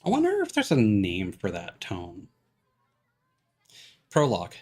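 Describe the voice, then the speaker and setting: A game streamer offers casual, rambling commentary with wry asides while playing, with game music in the background. His lowish, slightly mellow voice moves at a measured pace, its pitch swooping wildly.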